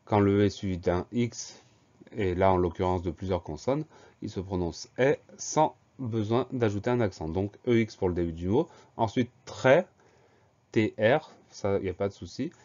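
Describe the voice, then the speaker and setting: A man teaches a spelling dictation lesson, going through each word slowly and spelling it out letter by letter. His voice is lowish and mellow, and he stays calm and patient throughout. The recording is muffled and lo-fi. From France.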